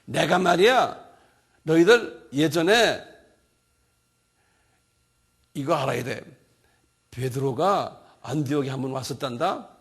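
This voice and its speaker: A man's voice: a little high, lively intonation, a little slow, slightly rough, heavily acted. A man voicing a proud ancient apostle who boasts and scolds, talking down to his listeners. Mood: boastful.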